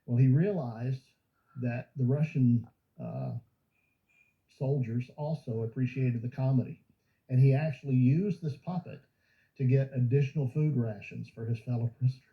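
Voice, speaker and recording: A man's voice: mid-range voice, expressive, moderate pace. A man speaking as a museum guide in an informal documentary interview, explaining and telling stories. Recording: muffled audio with music behind. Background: background music.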